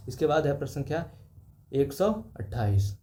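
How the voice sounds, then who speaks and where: Guy teaching exam prep, goes through answers step by step, kinda mellow, echoey room. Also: a little high, big pitch swings, normal speed. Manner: explains step by step, repeats key terms, points at the page. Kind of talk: exam-prep lecture, reading questions and explaining answers.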